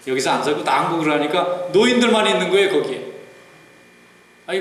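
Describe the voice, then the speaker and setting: A pastor, a man with a somewhat high voice, preaches in an easy conversational manner and drops folksy asides as he tells his stories. His voice rings through a large church sanctuary with a long reverb tail. A faint hiss sits beneath it. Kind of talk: sermon. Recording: roomy church hall reverb with faint noise.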